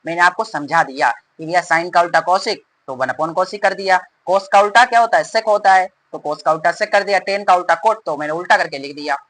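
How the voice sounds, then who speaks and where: Fast-talking male math teacher. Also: sits high, a bit bright, poor audio. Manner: rapid, repetitive, addresses students as beta. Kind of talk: fast classroom explanation.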